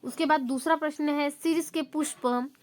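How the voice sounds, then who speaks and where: A young woman teacher going step by step through exam answers and reading sample sentences aloud in a steady, explanatory way. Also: high voice, normal speed.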